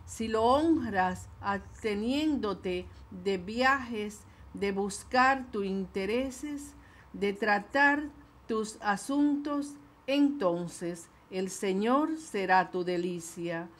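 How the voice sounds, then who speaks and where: An older woman reading scripture and the psalm at a lectern in a small chapel, slow and careful. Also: mid-range voice. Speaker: lector. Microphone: lectern microphone.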